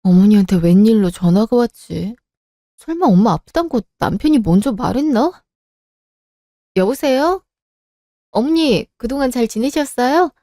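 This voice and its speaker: Radio drama lead: a woman as an anxious, pleading wife, mellow voice, dry sound. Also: on the high side, lively intonation, normal speed, pauses often, no echo. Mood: polite, surprised. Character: worried married daughter, young mother.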